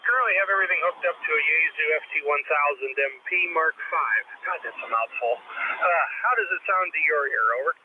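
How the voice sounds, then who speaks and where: Over a staticky, tinny narrow-band radio link, a ham operator with a thin voice makes casual conversation, his pitch fairly high and his pace fairly quick with few pauses. His studio dynamic mic runs into a radio transceiver.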